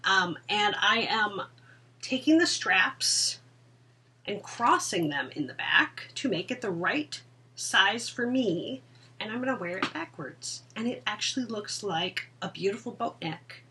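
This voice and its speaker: A woman co-hosting a casual podcast chat, laughing often and dropping into soft asides. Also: medium pitch, expressive, measured pace, breathy edge, distant mic. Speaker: podcast co-host. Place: indoor room at home.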